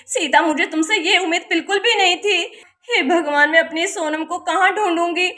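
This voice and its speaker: A woman's voice: extremely high pitch, takes it slowly, pushed and bright, exaggerated voice. A woman doing a frantic, scolding village mother. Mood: distraught. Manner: scolding, distraught.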